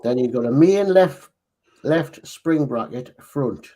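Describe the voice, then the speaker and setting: A man with a Northern English accent co-hosting a model-building livestream, reading assembly steps slowly and pausing to check the parts. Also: medium pitch, expressive, mellow. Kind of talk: casual livestream build chat.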